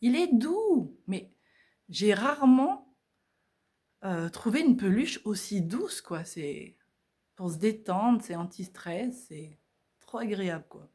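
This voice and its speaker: A woman's voice: medium pitch, expressive, slow, mellow. Chatty woman showing her paintings. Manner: chatty, hesitant with many fillers. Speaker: art vlogger. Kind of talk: casual art journal walkthrough.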